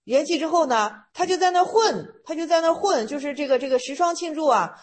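A woman's voice: high-pitched, animated, fairly quick. A woman giving an informal talk on Zen koans, retelling the story loosely and often repeating phrases as she explains.

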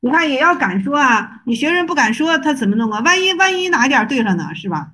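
High-voiced woman teaching Chan texts. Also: very animated, pushed and bright. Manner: reads classical text slowly, then explains in chatty speech. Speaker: Buddhist teacher.

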